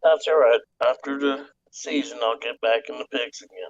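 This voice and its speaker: A man's voice: mid-range voice, normal speed. A man chatting casually with his son on a voice call, his voice coming through robotic and metallic. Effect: robotic, metallic voice call audio. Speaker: caller, the host's father. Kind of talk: casual chat. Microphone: phone with a cover on it, on a voice call. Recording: dull, distant phone call audio.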